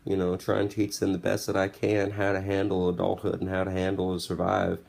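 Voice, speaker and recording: Music plays behind a podcast host in his 20s whose low, monotone voice has vocal fry and a slightly mellow quality. He speaks briskly, offering candid, blunt, casual motivation.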